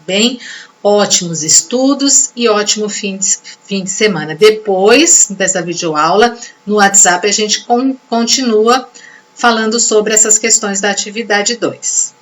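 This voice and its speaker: A woman's voice: medium pitch, measured pace. A woman teacher giving a recorded video lesson, explaining patiently step by step and often checking in with her students. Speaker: Portuguese teacher.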